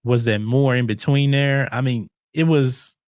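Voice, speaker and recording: Animated man ranting about movies. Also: medium pitch, measured pace, no echo, clean studio sound. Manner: animated, incredulous, restarts words often. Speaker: podcast host. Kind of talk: casual movie podcast chat.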